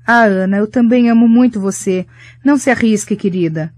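A woman reading the part of a gentle, anxious mother calling her daughter. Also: medium pitch, brisk, no echo, clean studio sound, close to an everyday voice. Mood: tender, concerned. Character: warm worried middle-aged mother on the phone.

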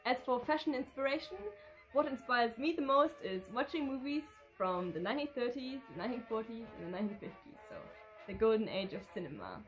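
A slightly high, animated female voice moves fairly quickly over soft background music, and the audio is poor. The speaker, a vintage fashion vlogger in her twenties whose native language is German, chats through fan questions she reads aloud before rambling into answers. She sits in a living room furnished with a sofa and a red curtain.

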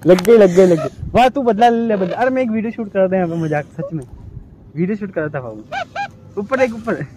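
High-voiced young man teasing his girlfriend. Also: wildly swooping pitch, fairly quick, noisy background. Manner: teasing, then apologetic and coaxing. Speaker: vlogger. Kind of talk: casual prank vlog. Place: outdoors, in public.

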